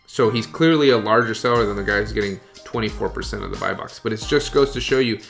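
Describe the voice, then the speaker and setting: A man's voice: lowish voice, fast, gravelly, a bit bright, faint music behind. A man coaching online sellers in a casual screen-share tutorial, often checking in with "okay?" and "you guys".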